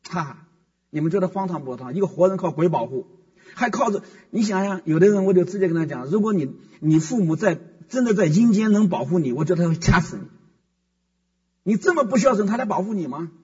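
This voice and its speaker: A man's voice: sits high, lively intonation, fast talker, a little mellow, slightly rough. A man preaching a sermon as pastor, emphatic and fond of rhetorical questions. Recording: muffled, echoey hall from far off.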